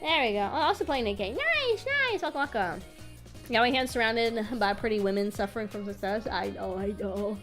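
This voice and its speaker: A woman's voice: mid-range voice, expressive, normal speed, a bit bright, faint music behind. A woman game streamer chatting casually and playfully, with a cute, bubbly anime-streamer delivery. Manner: playful, chatty, repeats words. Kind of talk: casual livestream chat.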